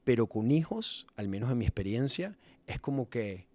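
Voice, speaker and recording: A man's voice: medium pitch, sing-song, moderate pace, a little mellow, no room sound. A man reflecting on being a father in a casual chat, mixing in English words now and then. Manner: reflective, slips English words into his speech. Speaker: father and musician in a podcast conversation.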